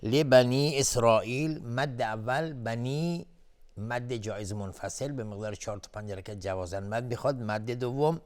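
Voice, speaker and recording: A man teaching Quran recitation rules on a broadcast lesson, explaining tajweed between slow chanted verses. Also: medium pitch, darkish tone. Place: television studio.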